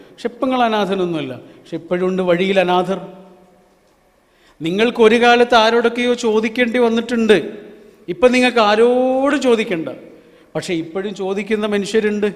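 A man preaching an Islamic sermon, asking rhetorical questions, chanting verses slowly, and swinging from loud to hushed. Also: sits high. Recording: long hall reverb.

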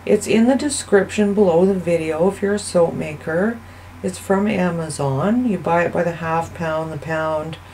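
A woman hosting a soap-making channel, giving a casual, chatty voice-over that rambles and thinks out loud as she goes. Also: fairly low pitch, moderate pace, a little hiss or hum, low-quality recording. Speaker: soap maker and channel host. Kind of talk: casual voice-over narration of a craft video.

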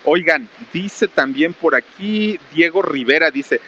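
Loud bright-voiced man on a live stream. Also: fairly high pitch, lively intonation, takes it slowly, muffled recording, a little hiss or hum. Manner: talks loudly over rain under a small roof. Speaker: host reading viewer greetings on a live stream. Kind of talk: casual live-stream chat. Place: outdoors under a small roof in heavy rain near ruins. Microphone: camera mic with crew nearby.

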